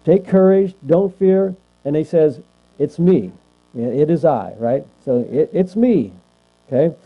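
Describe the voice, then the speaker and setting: A man's voice: fairly high pitch, lively intonation, slow pace. Man teaching a Bible class, lo-fi. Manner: conversational, asks the class questions, tags lines with "right?". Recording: lo-fi recording with mains hum.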